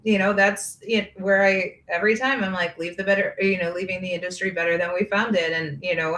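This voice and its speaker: A woman's voice: medium pitch, pushed and bright. A woman hosting a casual podcast conversation, upbeat and rambling, laughing easily as she talks about running her grooming business. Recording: echoey room.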